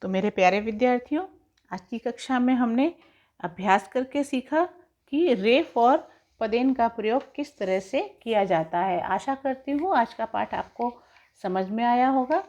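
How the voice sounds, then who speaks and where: Woman, schoolteacher, recorded class, words stretched out to show pronunciation, rather high voice. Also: animated, a little slow, a little mellow. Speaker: primary school teacher. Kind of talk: slow, carefully articulated recorded lesson. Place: home, recording an online class. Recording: dull lo-fi recording.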